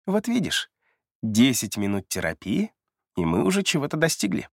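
A man reading an audiobook, voicing a calm, knowing female therapist who talks in a level, quietly provocative way. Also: medium pitch, normal speed, dry recording, clean studio sound. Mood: cool, probing. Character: calm, probing female therapist, middle-aged.

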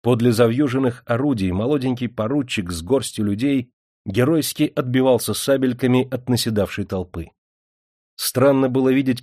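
A man narrating an audiobook in a steady, even storytelling manner. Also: medium pitch, no echo, clean studio sound. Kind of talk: scripted narration.

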